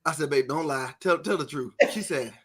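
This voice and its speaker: A man's voice: fairly high pitch, a bit bright, slightly rough. A middle-aged man, a pastor hosting a show, joking and teasing his co-hosts in casual banter. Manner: playful teasing, quick repeats and laughter.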